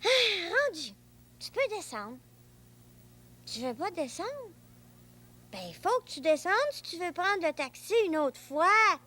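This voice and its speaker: Little boy, high lively voice, slow talk, Québécois accent, bossy, makes car noises, woman acting. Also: heavily acted. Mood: playful. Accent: Québécois French. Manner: bossy, chatty, engine noises. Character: playful young boy with an imaginary friend. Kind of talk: children's TV acting.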